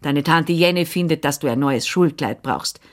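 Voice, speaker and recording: A woman's voice: low voice, moderate pace, natural voice. A woman reading an audiobook and voicing a fussy, kindly old seamstress who chatters, scolds and soothes. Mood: matter-of-fact.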